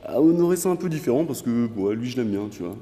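A man doing a smug arrogant actor, condescending, dark voice, long hall reverb. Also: mid-range voice, animated, fast talker, close to an everyday voice. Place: large warehouse film set.

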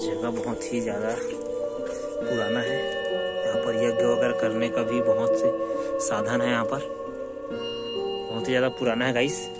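A man's voice: medium pitch, little pitch movement, moderate pace, long pauses. A young man talking to his viewers in a casual travel vlog, chatty and playfully boastful, filmed outdoors on a handheld camera at arm's length. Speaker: vlogger. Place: outdoors, rural roads and temple grounds. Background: loud background music.

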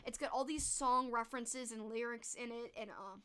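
Though hoarse and losing her voice, this high-voiced woman streams reviews of books and movies, chatting enthusiastically at a normal speed and leaning heavily on "like." Her tone is a bit bright, her intonation fairly even, her voice strained and croaky. She sits indoors in a small poster-lined bedroom, a large studio mic close in front.

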